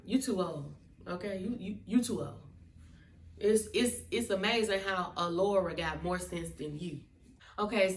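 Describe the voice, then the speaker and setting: A woman's voice: fairly low pitch, recorded from a distance. A woman giving a sassy, blunt, emphatic casual review of a reality TV episode. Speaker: reality TV recapper. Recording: echoey room, off-mic.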